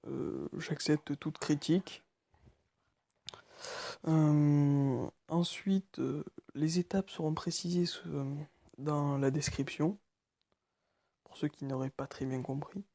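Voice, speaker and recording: A nervous man walking through a phone tutorial, speaking quietly and haltingly with many fillers. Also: a little high, no room sound. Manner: speaking quietly late at night. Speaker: tutorial maker. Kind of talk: screen-recorded phone tutorial.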